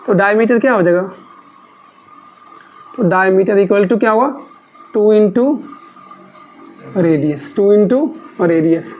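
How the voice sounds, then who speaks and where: In a slow, medium-pitched voice with frequent pauses, a woman gives a maths lesson, answering her own questions and repeating key terms over and over to coax her students. The audio sounds muffled.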